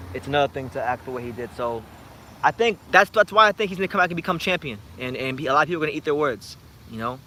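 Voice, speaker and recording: A man in his twenties hosting a boxing channel, chatting late at night and answering viewer comments in an animated, rambling way with many restarts. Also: mid-range voice, a little hiss or hum. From United States. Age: 20s. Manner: animated, rambling, frequent repeated starts. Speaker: YouTube boxing channel host.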